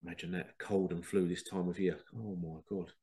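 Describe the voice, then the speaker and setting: A man's voice: deep voice, fairly even intonation, a little fast, vocal fry, darkish tone. A man with a head cold and a congested voice, hosting a rambling spiritual talk and often acting out quoted exchanges. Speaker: podcast host. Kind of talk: casual spiritual monologue.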